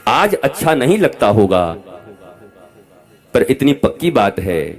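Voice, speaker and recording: A man's voice: low-pitched, darkish tone. Guy in his 50s giving a fiery sermon, scolds and calls out to the crowd. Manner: emphatic, preachy, chiding, calls out to audience. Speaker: spiritual teacher.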